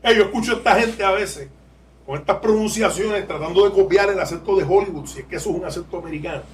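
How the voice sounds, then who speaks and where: Candid Puerto Rican lawyer, fairly high voice. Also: male voice, fast, far from the mic, poor audio. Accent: Puerto Rican Spanish. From Puerto Rico. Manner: candid, digressive, laughs while explaining. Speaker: lawyer and legal aid board president, guest. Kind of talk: podcast interview.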